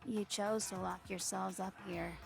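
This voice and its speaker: A woman playing a gloomy, cold teenage girl villain in a video game, deliberate and accusing. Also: medium pitch, fairly even intonation, creaky, over music. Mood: cold accusation. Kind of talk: English video game voice acting.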